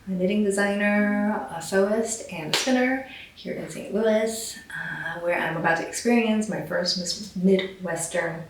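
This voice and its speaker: A young Taiwanese woman hosts her knitting podcast, chatting casually and enthusiastically to the camera with rambling asides. Her voice is medium-pitched and her pace measured. The room is very echoey, the mic distant, and there's a faint hiss.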